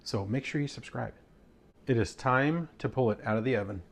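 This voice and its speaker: A man's voice: mid-range voice, normal speed, slight background noise. A man hosting a casual cooking vlog, walking viewers through a recipe step by step with friendly enthusiasm. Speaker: cooking vlogger.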